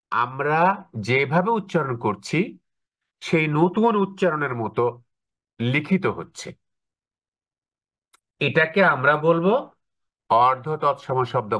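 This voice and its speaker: A man's voice: a little high, expressive, unhurried, long pauses, a bit bright. Lecturing man teacher. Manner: explains with rhetorical questions to students. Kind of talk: online class lecture.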